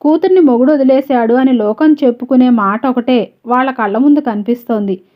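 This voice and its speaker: A woman's voice: sits high, brisk, lightly acted. A woman reading the lines of a proud, wronged young wife who speaks bitterly about her family. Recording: slightly dull, lo-fi audio.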